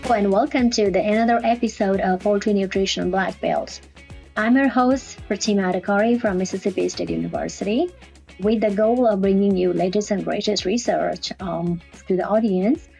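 A woman's voice: mid-range voice, normal speed, creaky, warm tone. A woman hosting a podcast interview from an office over a video call, speaking in loose, rambling phrases with fillers. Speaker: podcast host. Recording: dull lo-fi call audio with faint music.

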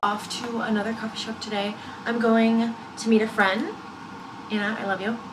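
A young woman in her twenties casually vlogs from her car and cafes, chatty and upbeat while rating coffee drinks. Her fairly high voice is flat and moderately paced, recorded close up on a handheld camera or phone with poor audio and music underneath.

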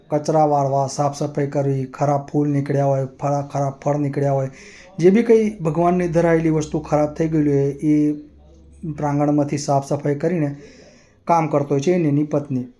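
A man tells a devotional story in a casual, unhurried way, often repeating and restarting phrases. His voice sits a little high and sounds mellow and warm. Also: fairly even intonation. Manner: slow, repetitive, restarting phrasing.

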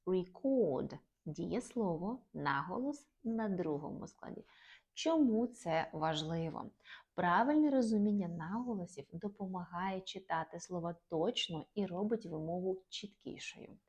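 A woman giving a scripted lesson on word stress in English pronunciation, saying each example word with deliberate stress. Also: lowish voice, animated, darkish tone. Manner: clear, deliberate explanations with stressed example words. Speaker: English teacher.

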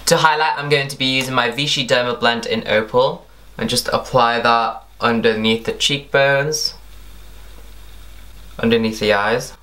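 A man's voice: mid-range voice, fairly even intonation, measured pace, sharp tone. Young man presenting a makeup tutorial. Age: young adult. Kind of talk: instructional tutorial narration.

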